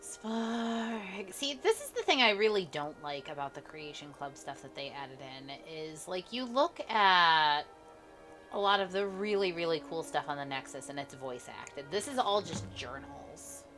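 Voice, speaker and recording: A woman's voice: on the low side, animated, unhurried, fairly bright tone. A woman giving casual commentary as she plays a game, with dry, wry asides. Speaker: gaming streamer. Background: game music.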